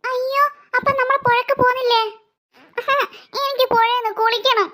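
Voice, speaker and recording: A woman's voice: very high voice, fairly even intonation, moderate pace, sharp tone. A woman voicing a small, timid cartoon girl who whines and pleads fearfully. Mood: eager.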